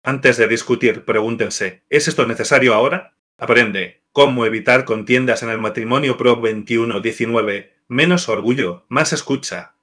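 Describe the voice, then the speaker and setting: A man with a medium-pitched voice narrates scripted devotional advice about marriage. His delivery is even and measured, as if reading from a list.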